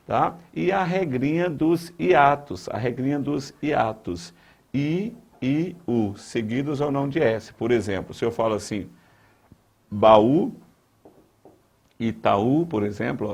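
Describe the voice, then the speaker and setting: Addressing the viewer directly, a man with a Brazilian Portuguese accent drills exam grammar, stressing key points and repeating them. His voice is medium in pitch, with vocal fry and a breathy edge.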